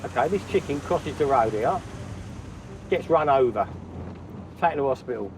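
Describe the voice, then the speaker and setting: A man's voice: medium pitch, lively intonation, normal speed, noisy background. A man, a council waste worker, joking and teasing his colleague outdoors. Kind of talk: casual banter at work. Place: outdoors at a fly-tip clearance. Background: music.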